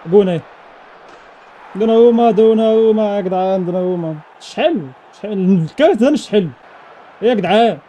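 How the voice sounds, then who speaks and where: A young man with an Egyptian Arabic accent giving excited live commentary over his own football video game matches, rattling off repeated exclamations. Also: high-pitched, fast talker, pauses often, highs cut off, slight background noise. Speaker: gaming YouTuber.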